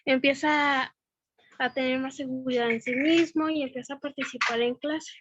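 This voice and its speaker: A woman student reading aloud and answering in an online class, unsure and halting, over dull call audio with faint noise. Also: high-pitched, fairly even intonation.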